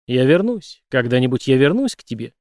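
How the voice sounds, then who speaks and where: A man voicing a tender young male lover, speaking softly and gently. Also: mid-range voice, sing-song, brisk, dry recording, clean studio sound, lightly acted.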